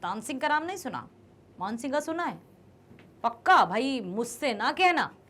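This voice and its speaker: A woman's voice: high-pitched, sing-song, normal speed, fairly bright tone. A woman teacher going through quiz questions with students, asking questions, praising their answers and stressing careful pronunciation. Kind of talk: Hindi quiz lesson for students.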